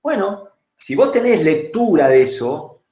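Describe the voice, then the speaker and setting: A man's voice: sits high, big pitch swings, unhurried, warm tone. A man with an Argentine accent giving a virtual class on public speaking, conversational and often checking in with "¿sí?". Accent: Rioplatense Spanish. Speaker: lecturer. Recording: roomy, dull online-class audio.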